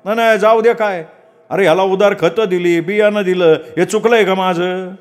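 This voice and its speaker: A man voicing a hot-tempered village shopkeeper who sneers and scolds in a loud, raised voice. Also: sits high, steady tone, moderate pace, voice pushed up, lightly acted. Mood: scornful.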